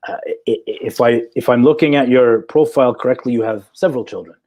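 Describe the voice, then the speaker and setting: A man's voice: medium pitch, fast talker, a little mellow. A man in his forties, a psychologist in a live chat, talking assertively and checking in with "okay?" as he explains. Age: 40s. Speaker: guest psychologist.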